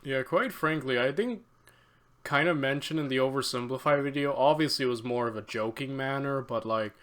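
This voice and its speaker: A man hosting a reaction video, chatting excitedly with many fillers and laughs. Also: mid-range voice, fairly quick. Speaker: reaction channel host. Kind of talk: casual reaction commentary.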